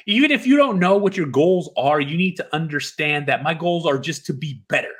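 A man giving an emphatic motivational speech, exhorting forcefully with heavy swearing and repeated phrases. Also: fairly high pitch, lively intonation, brisk, slightly rough. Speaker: motivational speaker.

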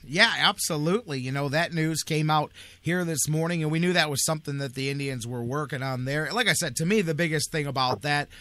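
A man hosting a sports talk show in a casual, rambling way, restarting phrases and filling pauses as he talks. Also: a little high, dry recording. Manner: excited and rambling, with frequent restarts and fillers.

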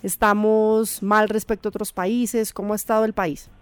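A woman's voice: medium pitch, flat delivery, moderate pace, smooth, no echo. A woman, hosting a radio magazine show and introducing music and guests. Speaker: radio host.

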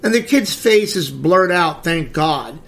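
Man, high pitched, middle-aged, podcast host, blunt, sarcastic, crude. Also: lively intonation, measured pace, creaky, fairly bright tone. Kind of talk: blunt celebrity gossip commentary.

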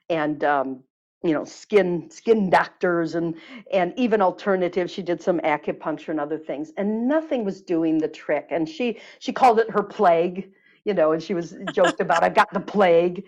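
A woman telling a healing story at length, then leading a listener through a guided exercise, with lots of fillers. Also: on the low side. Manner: warm, lively storyteller, many fillers. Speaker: guest teacher on body healing. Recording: dull lo-fi sound.

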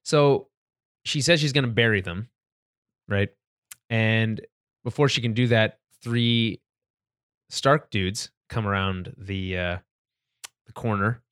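A man's voice: fairly low pitch, takes it slowly, pauses often, fairly bright tone, smooth, dry recording, studio quality. A man co-hosting a podcast, recapping a TV episode in casual chat and acting out the characters' lines. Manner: chatty, laughs often, acts out quotes. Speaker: podcast co-host.

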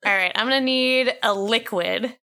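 A woman's voice: a little high, moderate pace, bright, forceful tone. A woman hosting a podcast who playfully prompts her co-hosts for words in a casual word game. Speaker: host running a word game.

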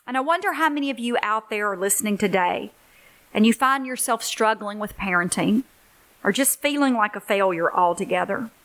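A woman's voice: medium pitch, lively intonation, a little fast. A middle-aged woman hosting a faith-based podcast for single moms, telling stories in an earnest, encouraging way. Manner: warm storytelling, earnest and encouraging. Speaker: podcast host, ministry leader.

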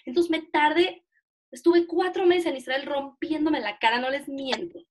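Young Mexican woman teacher, Mexican Spanish accent, high bright voice, animated and self-mocking, on a video call. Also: moderate pace. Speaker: teacher leading an online class. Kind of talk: casual online lesson.

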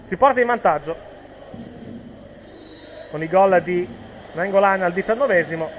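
A man's voice: sits high, normal speed, muffled recording, a little hiss or hum. A man giving informal live football commentary, hesitating and correcting himself as he goes.

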